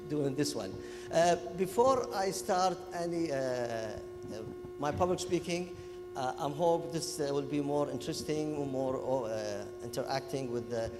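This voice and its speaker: A man from Kuwait with a Gulf Arabic accent, a native Arabic speaker, giving an animated, informal interactive lecture to students and often checking in with them. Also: a little high. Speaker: public speaking workshop lecturer. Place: echoey event hall. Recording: echoey hall, music in the background.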